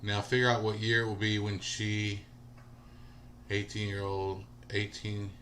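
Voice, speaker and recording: A man in his forties hosts a casual livestream, chatting with viewers and answering their comments by name. His lowish voice is monotone, a little slow, and bright with a forceful tone, with slight background noise.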